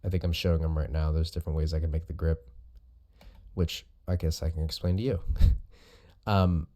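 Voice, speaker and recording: A man's voice: deep voice, warm tone. A man speaking as a host and coach, giving casual, informal explanatory commentary over recorded sparring footage. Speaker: host and jiu-jitsu coach.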